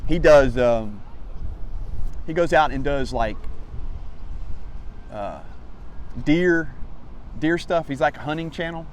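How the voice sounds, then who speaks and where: Higher-voiced man, noisy outdoor vlog. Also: lively intonation, slow, long pauses. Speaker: host of a hiking channel. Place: outdoors by a lake in cold wind. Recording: noisy outdoor audio with vehicle rumble.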